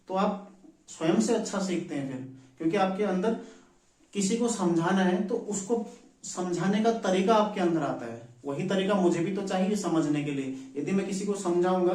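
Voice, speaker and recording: A man's voice: high-pitched, darkish tone. A man teaching an exam coaching class, repeating each term and checking in with his students often. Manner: repeats terms, says "ठीक है" and "ध्यान रखिएगा" often. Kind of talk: classroom lecture. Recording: echoey room, far from the mic.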